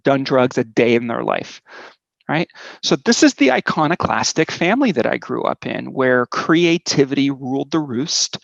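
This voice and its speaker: A guest speaker in his forties who grew up in Switzerland tells his personal story in a mid-range, gravelly, fairly bright voice. The dry recording has its highs cut off, and his conversational talk is full of "um"s and a tagged-on "right?".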